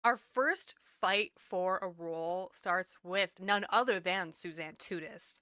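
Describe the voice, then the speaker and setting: Chatty woman host for a casual recap, bright and dry. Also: on the low side, takes it slowly, dry recording. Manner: chatty, laughs often. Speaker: podcast host.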